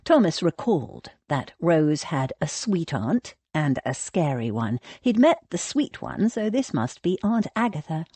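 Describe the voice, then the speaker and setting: A woman reads an audiobook in a fairly low voice. Her delivery is animated and expressive, rising and falling freely. The recording is dry and close to the mic. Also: measured pace, few pauses, husky, dry recording. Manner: expressive storytelling. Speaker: audiobook narrator. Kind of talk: audiobook narration.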